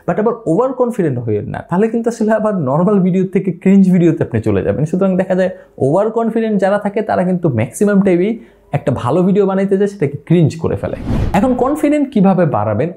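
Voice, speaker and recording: Bangladeshi male creator, 30s, chatty tutorial host, lively pitch, slightly high voice. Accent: Bangladeshi Bengali. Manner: chatty, explains with repeated asides. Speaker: YouTube creator. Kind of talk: casual talking-head tutorial. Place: home at night.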